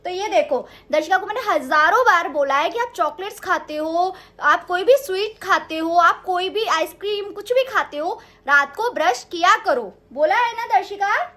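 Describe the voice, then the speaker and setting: A woman with a very high, bright, sharp voice plays the mother in a scripted family vlog skit. She scolds and lectures her child and turns to speak to the viewers. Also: animated, normal speed, few pauses. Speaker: mother and vlogger.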